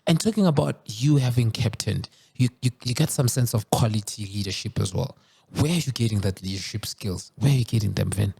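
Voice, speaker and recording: Interview host, man, low gravelly voice, chatty and repetitive. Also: a little fast. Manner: chatty, repeats words, lively interjections. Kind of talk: casual interview.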